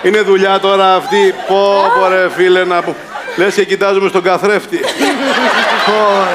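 A man playing a mock game-show host for friends, teasing and laughing as he bosses a contestant around. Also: high voice. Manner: teasing, laughing, bossy scolding. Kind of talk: comic game-show parody among friends. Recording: loud crowd and noise behind.

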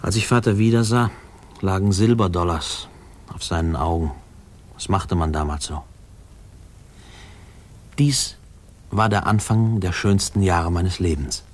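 Playing a grown man, an actor with a deep voice wistfully recalls an orphaned boyhood. The narration is reflective and measured, in the manner of a 1950s radio play.

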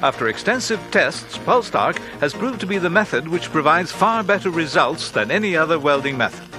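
A man narrating an industrial training film in a measured, instructive way, as a studio voice-over. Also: a little high, animated. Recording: faint music behind narration.

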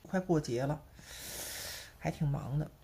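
A woman's voice: sits low, measured pace. A woman with a Beijing accent chatting casually to camera as a vlogger, peppering her talk with rhetorical tag questions. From Beijing, China.

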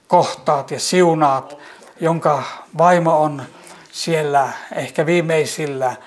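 Male preacher, fairly high voice, fervent spoken prayer with loud pleading climbs and stumbling restarts.

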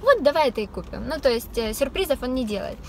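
A young adult woman vlogs casually from her parked car, recorded by a camera on the dashboard with faint background noise. Her high voice swings widely in pitch, runs fast, and sounds a little mellow, with many filler sounds and light laughs.

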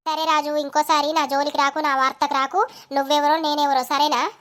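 A woman doing a tearful high-voiced village woman. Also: flat delivery, brisk, fairly bright tone. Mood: hurt. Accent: Telangana Telugu. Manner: defensive, wounded. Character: tearful village woman, Latha, torn and defensive. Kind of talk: animated village comedy dialogue.

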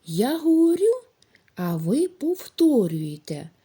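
A woman teacher giving a recorded phonics lesson to young children, speaking slowly and spelling out each sound clearly. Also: a little high, very animated, mellow. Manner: slow, drawn-out, clearly articulated speech for young children. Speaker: primary school teacher.

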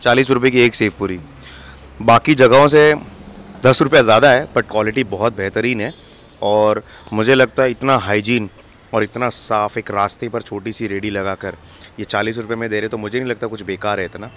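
A young man hosting a casual street food vlog outdoors, asking quick questions and praising the food with enthusiasm. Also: fairly low pitch, fairly even intonation, fairly bright tone. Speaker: food vlogger host. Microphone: handheld lapel mic.

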